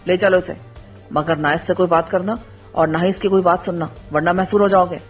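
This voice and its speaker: A woman voicing a mocking male army commander with a gruff, lowered voice in a storybook narration. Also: fairly even intonation, natural voice. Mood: scornful. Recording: dull distant recording with faint music.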